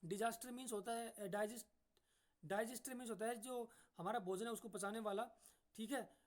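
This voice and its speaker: High-voiced male teacher explaining patiently. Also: fairly even intonation. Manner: explains slowly, repeats "ठीक है" often, restarts words; reads English sentences out very slowly. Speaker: English teacher for exam prep. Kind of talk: explanatory classroom lesson.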